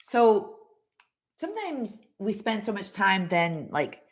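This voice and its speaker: A woman's voice: medium pitch, sing-song, slow. Emphatic woman giving a motivational talk. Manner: emphatic, repeats words, frequent "right?" tags; preachy, direct address to the audience. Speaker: host.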